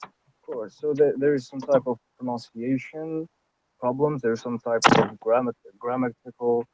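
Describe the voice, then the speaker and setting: Over dull, dry video-call audio that is very noisy, a man from Algeria whose language is Arabic responds as a lecture participant. His mid-range voice keeps a fairly even intonation at normal speed, and he hesitates constantly, filling gaps with "like" and "you know."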